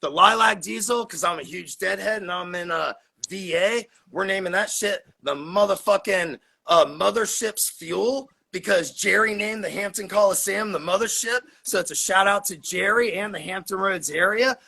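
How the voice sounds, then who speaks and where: As a podcast guest, a Florida cannabis grower in his forties shares his story in laid-back, casual talk, laughing and swearing along the way. His voice sits high and is gravelly and sharp, at a moderate pace with hardly any pauses.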